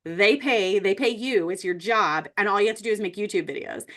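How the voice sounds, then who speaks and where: A woman's voice: mid-range voice, a little fast, a bit bright. A woman co-hosting a podcast in casual chat, rambling and laughing often. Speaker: podcast co-host.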